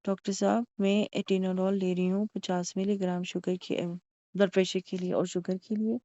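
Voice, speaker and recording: A woman's voice: medium pitch, level tone, moderate pace, warm tone, no echo, lo-fi sound, close to an everyday voice. A woman playing a worried housewife patient who gives polite, deferential short answers to a doctor. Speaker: simulated patient.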